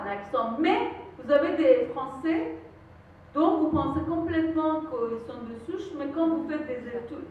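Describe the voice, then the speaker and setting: A woman's voice: high voice, a little hiss or hum. A woman from Iran with a Persian accent, giving an earnest, emphatic conference talk and sometimes searching for words. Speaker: lecturer. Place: conference room. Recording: echoey hall, recorded from far off, dull sound.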